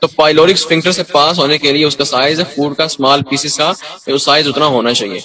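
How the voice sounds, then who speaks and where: Male lecturer, slightly high-pitched, reads a passage and then explains it with frequent check-ins. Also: steady tone, pushed and bright, poor audio. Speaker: teacher.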